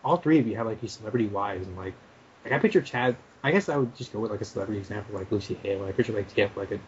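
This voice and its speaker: Fast-talking young man, lo-fi podcast. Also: fairly low pitch. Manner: fast, halting, many restarts and fillers. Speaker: podcast co-host. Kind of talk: casual chat. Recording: dull lo-fi podcast audio with faint noise.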